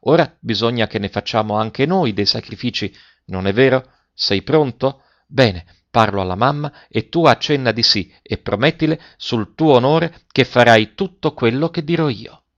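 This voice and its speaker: A man's voice: mid-range voice, animated, normal speed, a bit bright. A man voicing an earnest, determined young girl pleading with her mother, in a slightly dull recording. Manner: resolute, pleading.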